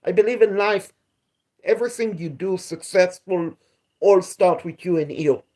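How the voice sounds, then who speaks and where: A man's voice: high voice, normal speed, darkish tone. A man hosting a live stream outdoors at night, talking in a repetitive, aggrieved, lecturing way. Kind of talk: casual live stream talk. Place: outdoors at night near a pool.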